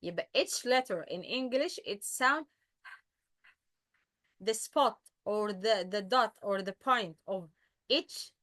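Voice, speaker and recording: A woman's voice: on the high side, pushed and bright, no room sound, clean studio sound. A woman with an Egyptian Arabic accent teaching pronunciation, switching between English and Arabic and repeating sounds to demonstrate them. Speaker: tajweed teacher. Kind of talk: bilingual lesson, translating and explaining.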